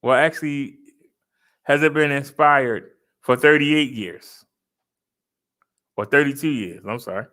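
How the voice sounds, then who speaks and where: A man's voice: mid-range voice, a little slow, long pauses, pushed and bright. Exasperated fifty-year-old man ranting. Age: 50s. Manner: exasperated, argumentative, repeats points. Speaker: vlogger. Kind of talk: casual ranting monologue.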